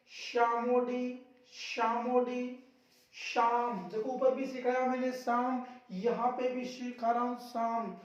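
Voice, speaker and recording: A man's voice: very high-pitched, a little mellow. A male English teacher giving a classroom lesson, repeating words and quizzing his listeners. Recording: very echoey room, far from mic, dull sound.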